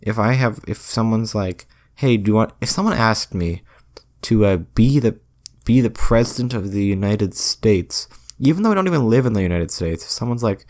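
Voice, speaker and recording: A young man with a slightly low voice rambles through his solo podcast at a moderate pace. As host he often stumbles and restarts sentences, delivering his jokes with dry, self-mocking deadpan.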